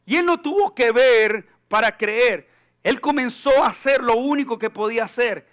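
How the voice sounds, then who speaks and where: Male pastor, high-pitched, playful and animated sermon delivery in a church. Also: moderate pace. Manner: animated, joking, acts out quoted voices.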